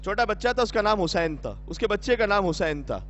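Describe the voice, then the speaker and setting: A man with a Pakistani Urdu accent preaches a Muharram sermon, his voice pitched very high and worked up to tearful cries. The recording is dull and lo-fi. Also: animated, fairly bright tone, slight background noise. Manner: impassioned, weeping and crying out.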